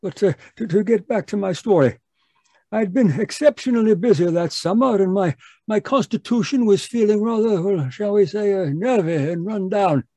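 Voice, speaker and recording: A genial, fussy older doctor in an old-time radio play. His voice is high for a man and a little raspy. He hesitates and repeats himself in an avuncular way as he recounts old adventures, heard dry over a video-call recording. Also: moderate pace, mellow, no room sound. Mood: genial, reminiscing. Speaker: storytelling narrator character. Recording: live video-call performance.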